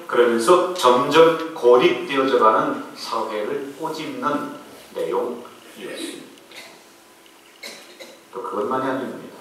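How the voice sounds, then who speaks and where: A man's voice: mid-range voice, a bit bright. A male pastor giving a Sunday sermon, telling stories and acting out the dialogue of their characters. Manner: storytelling, acts out quoted dialogue. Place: large church sanctuary. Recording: echoey hall, distant mic.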